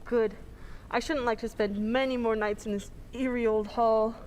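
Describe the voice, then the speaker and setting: A young woman playing a heroine in an old-time radio drama, speaking with crisp urgency. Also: a little high, fairly even intonation, moderate pace, darkish tone, natural voice, poor audio. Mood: wary. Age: young adult. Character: young woman caught by a killer, brave but frightened. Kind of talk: 1940s radio acting.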